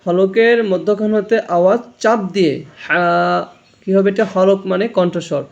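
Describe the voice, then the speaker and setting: A man's voice: high voice, a little fast, a little mellow, highs cut off. A man teaching a Quran reading lesson, explaining how letters are pronounced and repeating each sound for learners to copy. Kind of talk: slow spoken lesson on letter pronunciation.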